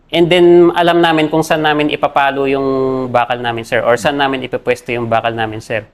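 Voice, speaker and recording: A young Filipino man, an army captain, recounting combat in an interview in a halting, deferential way and saying "sir" after nearly every phrase. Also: medium pitch, level tone. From Philippines.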